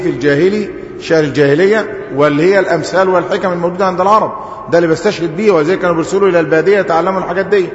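With a high-pitched voice and an Egyptian accent, a sheikh teaches Arabic grammar, asking the class questions and then answering them himself. The recording has a little hiss or hum, dull lo-fi quality, and the echo of a hall.

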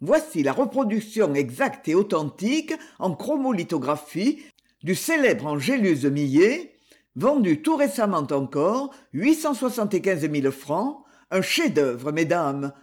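A man reading the part of an ironic, condescending auctioneer with a husky voice and mock-grand sales patter. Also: high-pitched, sing-song, measured pace, darkish tone, heavily acted. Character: ironic condescending male auctioneer, middle-aged.

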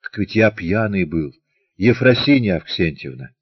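A man's voice: low-pitched, animated, moderate pace, husky, no echo, lo-fi sound. A man voicing a drunk young man who pleads in a breathless way. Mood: pleading.

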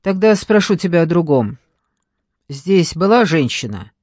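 A man reading an audiobook, voicing a cold, mocking female interrogator who speaks calmly and sneers. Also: a little high, a little slow, dry recording. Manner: calm, sneering, dry laugh.

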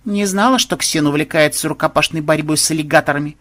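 A man's voice: on the high side, fast talker, a bit bright, lightly acted. A man voicing a sarcastic, teasing young woman game tester. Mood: mocking. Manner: teasing, mocking.

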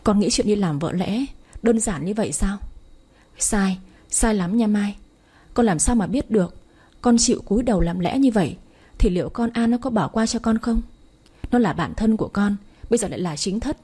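A woman's voice: mid-range voice, moderate pace, dark tone, husky, natural voice. A woman reading the part of a worried, stern middle-aged mother who scolds her daughter. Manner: scolding, reproachful. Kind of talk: audiobook story reading.

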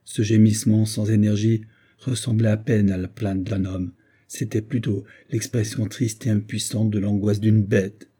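A man narrating a classic novel as an audiobook, in a measured, steady reading. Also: lowish voice, husky.

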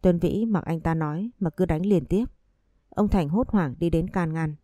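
A woman narrating a scripted story in a calm, even reading voice. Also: lowish voice, normal speed, no echo, studio quality, faint music behind.

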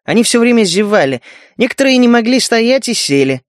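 A man narrating an audiobook in an even storytelling manner. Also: very high voice, brisk, dry recording, studio quality.

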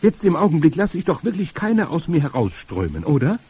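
A man reading aloud and voicing an anxious, indignant young child with a husky voice. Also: brisk, heavily acted. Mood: curious, worried. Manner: high, excited, pleading. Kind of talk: audiobook reading.

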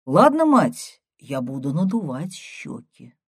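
Woman voicing a mocking grown son, higher and livelier than her narration, dry close sound. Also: sing-song, slow pace, husky, dry recording, exaggerated voice. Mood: ironic. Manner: mocking, playful irony. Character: wry ironic grown son, joking.

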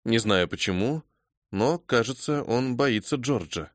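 A man voicing a wry, suspicious young gentleman in a low, musing aside. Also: expressive, unhurried, dry recording, clean studio sound, lightly acted.

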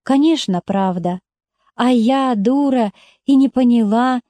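A woman reading aloud and voicing a gentle, tearful young woman who speaks in a soft, wondering way. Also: fairly high pitch, slow pace, no room sound.

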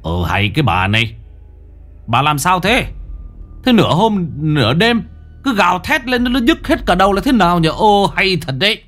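A man's voice: high-pitched, big pitch swings, normal speed, fairly bright tone, faint music behind, pitched above the performer's own voice. A man voicing a rude grown son who scolds his mother curtly. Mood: irritated. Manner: curt, scolding.

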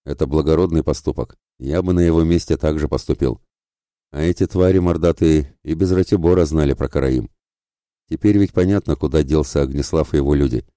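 An earnest, loyal warrior who speaks firmly in defence of a friend, voiced by a male narrator. The tone is very low and dark. It is recorded dry, like an audiobook read. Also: a little fast, dry recording.

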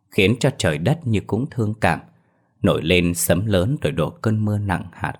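A man narrating a horror story as storyteller in a slow, dramatic telling. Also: sits low.

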